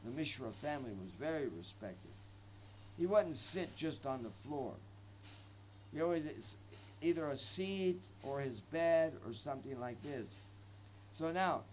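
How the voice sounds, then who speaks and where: Slow, unhurried male storyteller. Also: a little high, slight background noise, rough recording. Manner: slow, hesitant, with many pauses and asides. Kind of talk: devotional storytelling.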